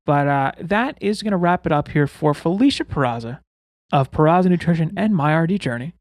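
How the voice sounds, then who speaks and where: A man's voice: a little high, lively intonation, brisk, no echo, studio quality. A man hosting a podcast in casual, chatty style, with whistling S sounds when he speaks. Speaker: podcast host.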